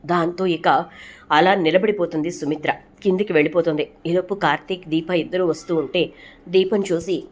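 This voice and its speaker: A woman narrating a TV serial episode recap in brisk storytelling, ending with calls to subscribe. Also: fairly low pitch, fairly even intonation.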